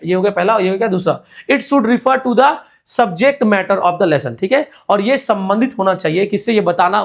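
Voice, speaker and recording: Gravelly high-voiced male teacher. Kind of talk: exam-prep lecture explaining notes.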